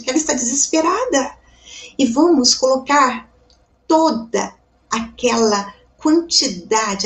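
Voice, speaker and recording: A woman with a Brazilian accent giving a devotional Spiritist reflection, calm and reflective, often asking her listeners questions. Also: a little high. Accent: Brazilian Portuguese. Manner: calm, reflective, asks the audience rhetorical questions; addresses listeners warmly as "gente". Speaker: Spiritist lecturer.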